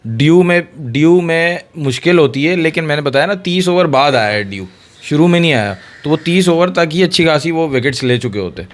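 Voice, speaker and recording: A man hosting a casual cricket chat, explaining tactics at length in an animated way. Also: on the high side, brisk. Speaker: cricket discussion host.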